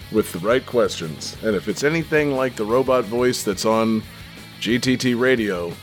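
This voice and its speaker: A man hosting a live game show podcast, joking around in casual chat with plenty of fillers. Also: fairly low pitch. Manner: joking, laid-back, many fillers. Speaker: podcast host.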